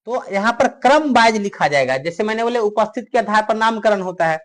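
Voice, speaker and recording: A man's voice: sits high, animated, brisk, a bit bright. A male teacher with a north Indian Hindi accent, giving a chemistry lecture that repeats each question and answers it himself for the class. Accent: Hindi-speaking north Indian. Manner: repetitive question-and-answer drilling.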